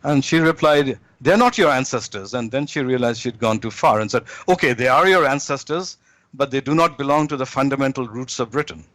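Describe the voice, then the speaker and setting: A man gives long, deliberate commentary as a guest, pausing now and then to gather his words. His voice sits in an ordinary middle register. The sound is close and dry, with no room around it. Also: medium pitch, lively intonation, a bit bright, dry recording. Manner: measured, deliberate, with frequent hesitations. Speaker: interview guest. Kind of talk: lecturing commentary.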